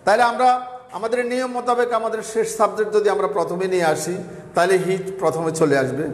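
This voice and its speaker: Bangladeshi-accented male grammar teacher, high voice, booming reverb, explains stepwise, quizzes himself. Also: steady tone, fairly quick. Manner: explains step by step, asks and answers his own questions. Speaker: English teacher. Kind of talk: classroom grammar lesson. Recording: echoey room with long reverb.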